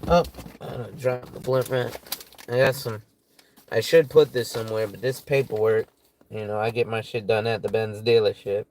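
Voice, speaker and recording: A man's voice: on the low side, fairly even intonation, moderate pace, a little mellow, slight background noise. A tired man in his forties, a financial advisor talking loosely and profanely through money tips, often checking in with "right?". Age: 40s. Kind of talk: casual talk reading through financial tips.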